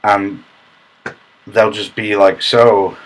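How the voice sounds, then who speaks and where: A man giving a deadpan parody comedy tutorial, smug and rambling, with halting restarts and a husky voice. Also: lowish voice.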